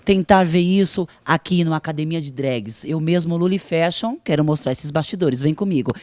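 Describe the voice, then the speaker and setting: A man's voice: on the high side, moderate pace, a little mellow, no echo. A man presenting as a backstage reporter, with chatty, campy commentary.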